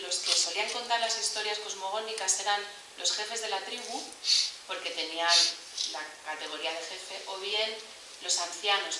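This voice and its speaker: Chatty woman lecturing in an echoey hall. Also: lowish voice. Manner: chatty, frequent "¿no?" tags and "eh" fillers. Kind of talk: lecture on oral tradition. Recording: echoey hall, distant mic, hiss.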